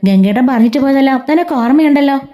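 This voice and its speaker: Lady voicing a strict older man laying down the law, firm and steady. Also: high-pitched, quick pace, lightly acted. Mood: stern. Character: older man, stern head of the family.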